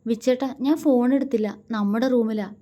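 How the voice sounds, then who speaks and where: A woman voicing a tearful young woman in a storybook who speaks softly while weeping. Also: fairly high pitch, steady tone, fairly quick, pitched above the performer's own voice, close to an everyday voice. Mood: tearful worry. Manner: weeping, soft. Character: tearful young woman, worried for her friend.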